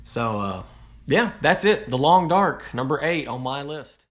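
A man's voice: mid-range voice, very animated, a little slow. A young man co-hosting a casual gaming chat, laid-back and self-mocking. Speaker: co-host of a gaming channel.

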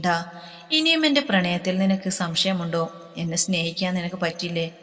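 A woman's voice: fairly low pitch, normal speed, a bit bright, soft background music, close to an everyday voice. A woman reading Akhil, a pleading young lover. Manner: earnest, pleading. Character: young male college lover, pleading and tender. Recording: long reverb.

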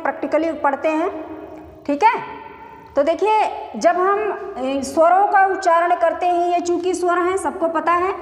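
Brief: middle-aged woman teacher, very high voice, repetitive classroom questioning, roomy reverb. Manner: repetitive, asks and answers own questions; drawn-out demonstration vowel sounds. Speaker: Hindi grammar teacher. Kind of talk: classroom-style lesson. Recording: echoey room reverb.

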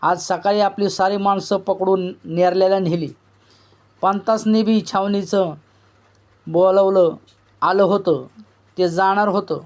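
A man's voice: high-pitched, steady tone, takes it slowly, long pauses, darkish tone. A man voicing Ghamandi, an anxious village messenger. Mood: worried. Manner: rustic village dialect. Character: anxious village man bringing bad news.

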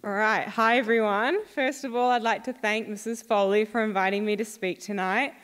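A young woman with a New Zealand accent, returning as an alumna speaker, gives a friendly, upbeat prepared talk to a school audience in a school hall. Her mid-range voice is steady and fairly bright at a normal pace, and the hall adds long reverb.

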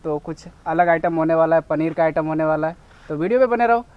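A man's voice: on the high side, quick pace, smooth, highs cut off. A young man from India chats to viewers while camping and cooking outdoors in a forest. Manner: chatty, addresses viewers as guys. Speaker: camping vlogger. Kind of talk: casual vlog narration.

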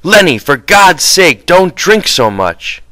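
A man voicing a small, sharp, irritable itinerant ranch hand who scolds in folksy rural slang. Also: high-pitched, sing-song, slow pace, dry recording, voice pushed up, exaggerated voice. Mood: sharp, worried.

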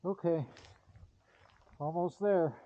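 A man's voice: on the high side, slow, warm tone, highs cut off. A man narrating to himself while skiing through a snowy forest, filmed on a pole-mounted action camera, with breathless running commentary and cursing at branches. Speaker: backcountry skier filming himself.

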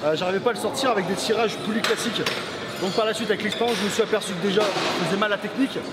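A young man gives clear, explanatory training advice and speaks straight to viewers. His voice is high. Loud gym noise fills the background. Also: racing, echoey room. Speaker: guest bodybuilder. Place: large busy indoor gym.

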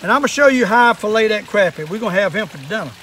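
Older southern guy, high voice, folksy old fisherman explaining stuff outside, some noise behind him. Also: lively intonation, racing, sharp tone. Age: older, 60s or above. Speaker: fishing and fish-cleaning demonstrator. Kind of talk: casual hands-on how-to demonstration. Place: outdoors in a wooded yard at a table.

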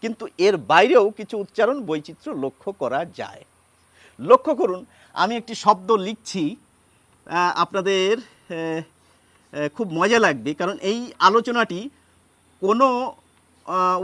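A man teaching as he writes, patient and unhurried, pausing often with fillers. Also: high-pitched, lively intonation, bright, forceful tone, no echo. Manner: patient, with many pauses and fillers. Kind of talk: explaining Bengali pronunciation at a board.

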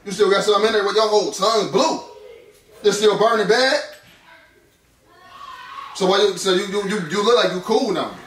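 A man's voice: high-pitched, quick pace, hardly any pauses, fairly bright tone. An American man in his thirties in casual family banter, often repeating words as he starts, recorded in a bedroom from across the room. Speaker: father in a family prank video. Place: bedroom, indoors. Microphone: camera across the room. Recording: roomy, distant camera, clear background noise.

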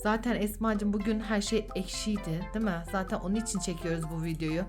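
A woman's voice: mid-range voice, steady tone, brisk, a little mellow, soft background music. A woman hosting a children's vlog as a mother, chatting playfully and coaxing with sing-song questions. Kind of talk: playful casual chat with a child and viewers.

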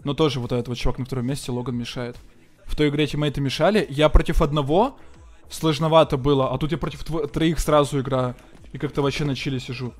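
A man doing casual live gameplay commentary as a streamer, slangy, profane and excitable, thanking donors. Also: mid-range voice, fast. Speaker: game streamer.

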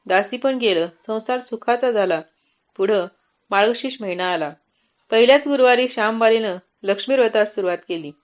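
Female narrator, mid-pitched, measured dramatic storytelling.

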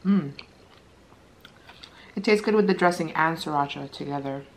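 A woman's voice: low voice, normal speed, slight background noise. A woman in her thirties chatting casually between bites as she crunches chips and chews, like a mukbang vlogger in a living room. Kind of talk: casual chat while eating.

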